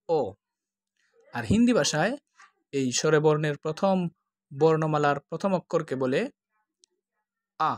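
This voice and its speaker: A language teacher with a fairly high, slightly raised voice patiently explains alphabet sounds, drawing out each vowel so learners can keep up. The recording is close and dry, with no room sound at all.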